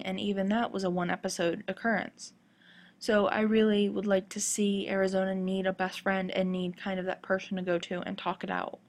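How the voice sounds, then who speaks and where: A woman with a slightly gravelly, husky voice from a sore throat presents podcast commentary. She explains her points in a measured way, at a middle pitch. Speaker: podcast host. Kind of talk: scripted-sounding TV fan commentary podcast.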